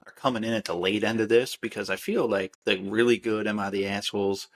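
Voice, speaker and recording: A man's voice: on the low side, fairly even intonation, a little fast. A man co-hosting a podcast in casual chat, rambling with repeated restarts and swearing. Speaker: podcast co-host.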